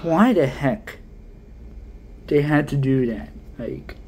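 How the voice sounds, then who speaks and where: Slow, halting young man, mellow voice. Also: mid-range voice, expressive, a little hiss or hum. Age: young adult. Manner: halting, trailing off. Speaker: ASMR video creator. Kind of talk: casual rambling chat. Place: living room at home.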